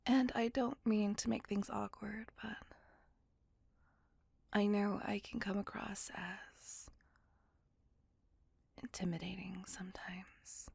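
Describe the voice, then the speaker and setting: A woman voicing a brooding, possessive female vampire in a whispered ASMR roleplay, speaking in a soft, breathy, gravelly whisper close to the mic. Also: medium pitch, level tone, slow pace, pauses often, no echo, exaggerated voice. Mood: brooding confessional. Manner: soft confessional whisper throughout.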